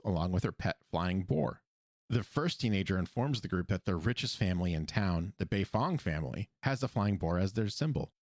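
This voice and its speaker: A man with a very low voice talks through an animated episode in loose, chatty fashion, laughing along with his co-host. The sound is close and dry, with no room around it. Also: no echo. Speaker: podcast co-host. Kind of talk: casual episode recap chat. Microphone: podcast microphone.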